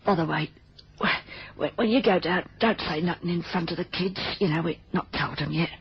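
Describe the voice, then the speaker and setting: On a dulled radio recording with faint noise, an actress plays a plucky old grandmother. Her working-class English voice is wheezy and crackles with creak, stubbornly blunt in radio drama style. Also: lowish voice, moderate pace, highs cut off, close to an everyday voice. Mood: confiding, bossy. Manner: blunt, colloquial, stoic.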